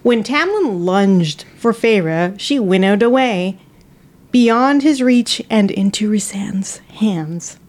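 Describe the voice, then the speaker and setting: A woman co-hosting a book podcast, reading a chapter summary slowly and breaking off into playful asides. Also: medium pitch, expressive, darkish tone. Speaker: podcast co-host.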